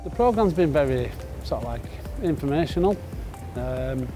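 An older man, a volunteer being interviewed outdoors, talking in a plain, soft-spoken way. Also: mid-range voice, lively intonation, normal speed, over music. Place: outdoors, garden. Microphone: lapel.

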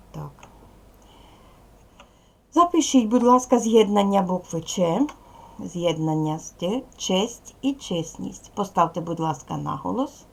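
Woman teacher, video lesson for young kids, animated intonation, gravelly edge, clear patient delivery. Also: fairly low pitch. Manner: clear, patient, addressing pupils directly. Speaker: primary school teacher. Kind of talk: recorded video lesson for children.

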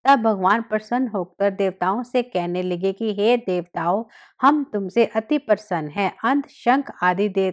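Woman reading devotional scripture aloud. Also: medium pitch. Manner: steady recitation with occasional slips and restarts. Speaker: narrator.

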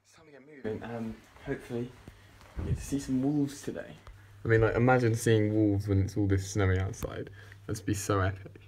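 A man's voice: fairly low pitch, flat delivery, brisk, darkish tone. A young man chatting casually and playfully for a vlog, recorded on a handheld phone. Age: young adult. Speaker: vlogger. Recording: noisy handheld outdoor and indoor recording.

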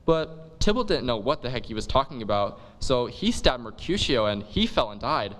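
A man's voice: mid-range voice, sing-song, moderate pace, a bit bright, long reverb tail, slight background noise. A man giving a comic monologue in laid-back slangy dude talk, full of "like". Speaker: comic performer. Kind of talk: comic monologue retelling a play.

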